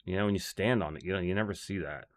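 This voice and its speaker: A man's voice: deep voice, fast talker. A man who coaches golf, chatting on a livestream in a blunt, rambling, scornful way. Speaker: golf instructor and livestream host. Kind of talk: casual livestream chat.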